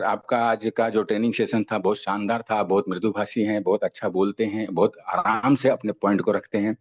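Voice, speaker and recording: A man's voice: fairly low pitch, a little mellow, husky. A man giving a motivational speech with parables at a network marketing training session, repeating phrases for emphasis over dull, lo-fi online meeting audio.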